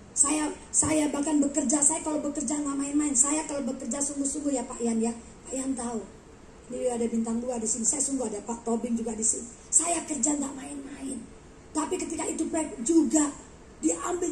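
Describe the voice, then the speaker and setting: A woman preacher telling a testimony in a lively sermon, acting out the dialogue of her story. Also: high voice, reverberant, slight background noise. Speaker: guest preacher. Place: large church hall.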